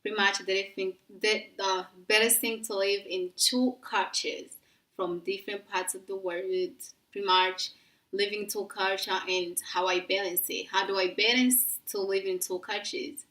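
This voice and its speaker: A woman's voice: mid-range voice, fairly even intonation, normal speed, fairly bright tone. A young woman from East Africa talking casually to her viewers, rambling with many restarts and fillers. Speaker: vlogger. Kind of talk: casual talk to camera. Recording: roomy sound from a distance.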